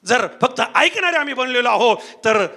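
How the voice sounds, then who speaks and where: A man pastor preaching a sermon with passion, building repeated refrains to shouted peaks and calling out to a live congregation. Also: extremely high pitch, animated, moderate pace. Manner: addresses a live congregation and broadcast audience.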